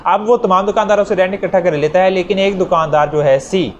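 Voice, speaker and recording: The sound is lo-fi and carries noticeable background noise as a Pakistani-accented man gives an explanatory law lecture. He speaks a little fast in a high, steady voice, restating ideas and offering worked examples for students.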